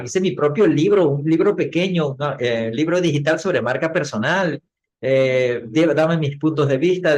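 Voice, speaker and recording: A middle-aged man, a public speaking coach, telling his story as a podcast guest in an animated way, acting out what he said back then. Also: a little high. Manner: animated, acts out his own past words.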